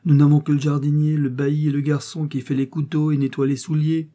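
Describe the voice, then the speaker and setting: A man's voice: a little high, level tone, a little fast, dark tone, pitched above the performer's own voice, close to an everyday voice. A man voicing an anxious elderly housekeeper, a woman who talks in a fretful, worried way.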